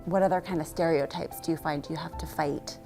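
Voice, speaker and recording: An American woman reporter who narrates in a measured, earnest way and asks interview questions. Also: low-pitched, steady tone, dark tone, soft background music. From United States.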